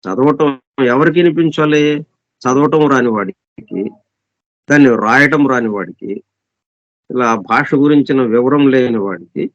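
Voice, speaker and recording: A man giving an explanatory scripture lesson as a spiritual teacher, repeating and listing synonyms slowly and deliberately, reading English passages very slowly. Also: mid-range voice, animated, no echo. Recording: dull, dry lo-fi recording.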